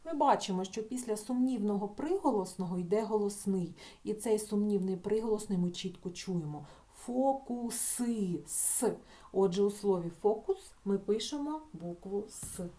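A woman teacher patiently explaining spelling rules in a recorded lesson for schoolchildren, stretching example words out slowly and checking in with the class. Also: mid-range voice, mellow. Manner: talks the class through with filler sounds and checking "так?".

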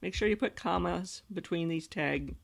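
A woman with a gravelly, fry-edged voice talks through a software tutorial as a screen-capture voice-over. She explains each step patiently and plainly, as an instructional designer would. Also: on the low side, normal speed, slight background noise. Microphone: voice-over recorded over screen capture.

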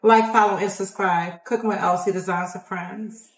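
A woman's voice: mid-range voice, steady tone, normal speed. A woman hosting a cooking show in a home kitchen, playful and talking straight to the viewers. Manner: upbeat, playful, addresses viewers. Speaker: show host. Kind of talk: casual chat. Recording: echoey kitchen from a distance.

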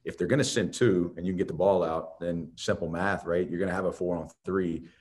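A man with a very deep voice speaks as head coach at a post-game press conference. He talks in loose, conversational runs, restarting phrases and leaning on "you know.". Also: steady tone, brisk, darkish tone.

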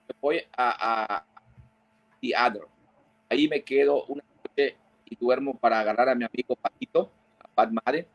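A man's voice: mid-range voice, no room sound, poor audio. A man, a fishing guide, telling fishing stories as a guest in an interview and acting out the voices of the people in them. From Mexico. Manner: animated storyteller who mimics quoted voices. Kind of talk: storytelling interview.

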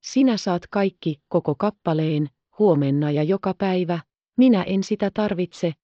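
A woman voicing an excitable, tender-hearted little orphan girl in an audiobook, exclaiming and pleading. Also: lowish voice, dry recording, lo-fi sound, natural voice. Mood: earnest. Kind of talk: audiobook character reading.

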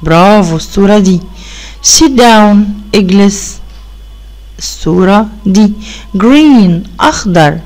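A woman's voice: medium pitch, expressive, darkish tone, soft background music. Patient woman teaching children English. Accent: Egyptian Arabic. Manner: patient, praising, asks children questions; repeats English words slowly for the class. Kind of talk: explaining a primary-school English lesson.

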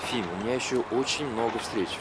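A man's voice: mid-range voice, a little fast, close to an everyday voice. An actor playing a busy, curt businessman and father in his thirties, clipped and impatient, in a film drama. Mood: hurried, curt. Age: 30s. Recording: film dialogue with clear background noise.

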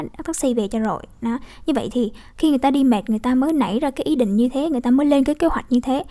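A woman's voice: high voice, mellow. A young woman teacher with a Vietnamese accent working through English exam questions, explaining step by step with frequent tag questions. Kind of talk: exam walkthrough lesson.

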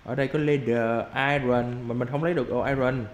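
A young man giving casual gameplay commentary as a YouTuber, excitable and quick to yelp and repeat his exclamations. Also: medium pitch. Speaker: gaming YouTuber. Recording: roomy with faint background noise.

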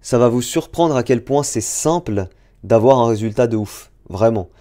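Talking straight to chat as he unboxes on a live stream, a young drawing streamer keeps things chatty and casual. His voice is mellow, medium in pitch, and moves at a normal speed.

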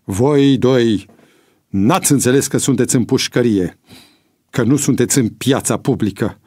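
A man's voice: medium pitch, a little mellow, slightly rough, no room sound, close to an everyday voice. A man voicing a stern, severe male prison commandant who scolds and barks orders. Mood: scolding. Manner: barking, scolding.

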